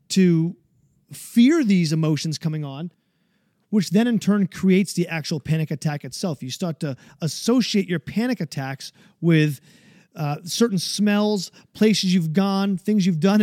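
A man's voice: sits high, dark tone, dry recording, clean studio sound. A man in his forties telling his own story in a personal monologue, earnest and often searching for the right words. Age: 40s. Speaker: speaker sharing his mental health story.

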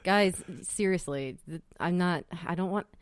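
A young woman with a low, smooth voice co-hosts a podcast, chatting easily at a slightly slow pace. She's skeptical, wry and blunt, swearing casually, and the recording is dry and close.

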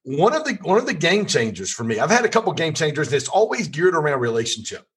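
A man hosting a podcast interview, with a slightly husky voice, speaking in an earnest, encouraging way. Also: on the high side, big pitch swings, quick pace. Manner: scripted inspirational intro, then conversational. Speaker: podcast host.

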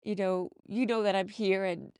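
A woman speaking as the host of her own motivational podcast, coaching listeners with earnest emphasis. Her voice is smooth and resonant, at a middle pitch for a woman. The sound is dry and close, with little room around it. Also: steady tone, normal speed, a little mellow, dry recording.

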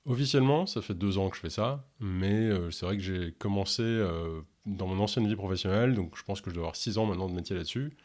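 Deep-voiced man, halting delivery. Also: a little mellow. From Canada, Ontario. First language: English. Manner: hesitant, many fillers. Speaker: podcast host and health coach. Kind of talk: interview answers.

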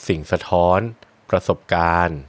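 A man's voice: deep voice, flat delivery, moderate pace, no room sound. A man co-hosting a casual book podcast, telling anecdotes and acting out quoted exchanges. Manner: storytelling, acts out quoted dialogue. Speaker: podcast co-host.

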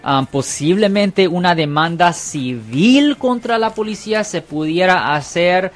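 A man's voice: high-pitched, lively intonation, a little slow. Patient male lawyer on a call-in radio show. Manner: explains plainly and patiently, says Ok often. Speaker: radio host, lawyer answering callers. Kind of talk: call-in legal advice show.

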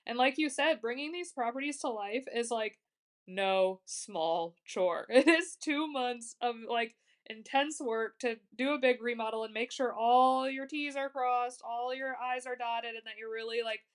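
A woman's voice: a little high, normal speed, clean tone. A woman in her twenties hosting a podcast, chatting casually with lots of "like" fillers and easy laughs. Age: 20s. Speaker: podcast host.

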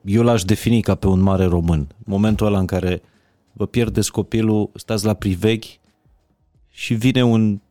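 A man hosting an interview, asking calm, probing questions. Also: lowish voice, no echo. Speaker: podcast host. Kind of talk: conversational interview.

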